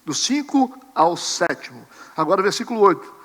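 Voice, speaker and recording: A man preaching a sermon as pastor, animated, acting out his listeners' voices. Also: high-pitched, normal speed, long reverb tail. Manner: animated, acts out congregants and mimics camera clicks. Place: church sanctuary.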